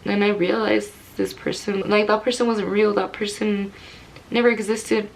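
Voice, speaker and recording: A woman's voice: mid-range voice, fairly even intonation, normal speed, vocal fry, low-quality recording. Candid young woman telling a story. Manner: candid, rambling, many "like" fillers. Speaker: vlogger. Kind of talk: personal storytelling to camera.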